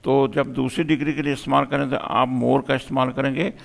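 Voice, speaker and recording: A man's voice: medium pitch, flat delivery, quick pace, creaky, big-room sound. A man teaching a grammar lesson, explaining step by step and asking questions he then answers.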